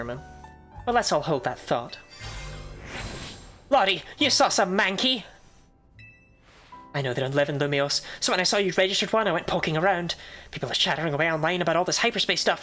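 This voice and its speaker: A woman livestreaming a game, chatting casually and reading dialogue aloud, with a playful, self-deprecating, deadpan joking manner. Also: on the low side, very fast, faint music behind.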